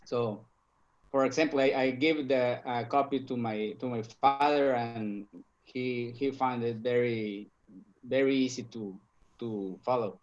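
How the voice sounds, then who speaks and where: Halting man on a bad connection. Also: mid-range voice, steady tone, a little mellow. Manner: halting, repeats words often. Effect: bad internet connection. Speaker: call-in guest. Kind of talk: casual chat. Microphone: online call. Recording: lo-fi call-in audio over a weak connection.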